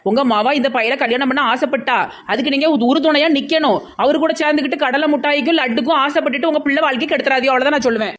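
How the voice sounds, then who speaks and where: A woman's voice: high-pitched, very fast. A woman with a Tirunelveli Tamil accent in a village comedy sketch, talking insistently and gossiping.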